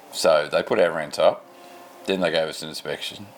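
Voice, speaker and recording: With a rumbling low voice at a moderate pace, a tired middle-aged man with an Australian accent rambles on camera in an unscripted home vlog one night. He's laid-back and self-deprecating, and a little hiss or hum runs under the recording.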